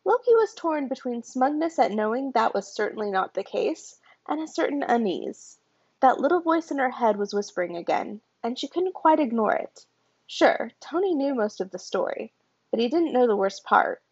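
Woman, story narration, steady reading, husky, dull lo-fi recording. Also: on the high side, moderate pace, dry recording. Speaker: fan fiction reader. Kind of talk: audiobook-style story narration.

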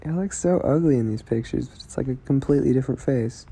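A young man rambling slowly through a casual video diary in a stoned drawl. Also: mid-range voice, dark tone, slightly rough. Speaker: vlogger.

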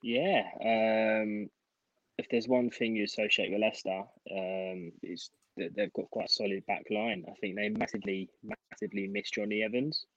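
Lowish male pundit on a dull, dry line. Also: fairly even intonation, moderate pace, a bit bright, dry recording. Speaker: football podcast panellist. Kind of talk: casual sports chat.

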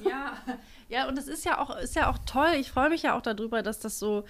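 A woman's voice: high-pitched, fairly quick. Young woman chatting on a podcast, opinionated, keeps restarting sentences. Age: young adult. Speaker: podcast co-host. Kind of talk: casual chat.

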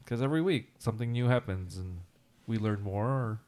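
A man co-hosting a casual podcast chat at a desk, playful and quick to slip into joke voices. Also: fairly low pitch, a little mellow. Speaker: podcast co-host. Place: indoors at a desk.

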